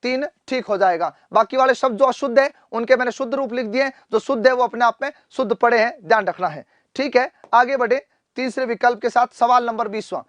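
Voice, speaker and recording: A male teacher runs a live online class, quizzing students, repeating each answer and calling them "beta". He clears his throat often. The sound is close and dry. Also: very high-pitched, brisk, a bit bright, no echo. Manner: addresses students fondly as "beta". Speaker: Hindi teacher.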